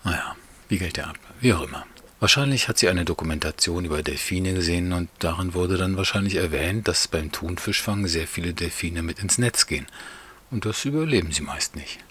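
A man with a husky, breathy voice reading a first-person story in a plain, even way. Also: sits low, a little fast, slight background noise. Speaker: narrator.

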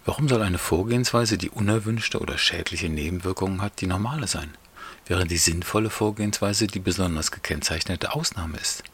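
Lecturing neighbor, male, deep husky tone, measured and faintly scornful, read by a man. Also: a bit bright, exaggerated voice. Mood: explaining. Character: calm, critical male neighbor explaining consumer politics.

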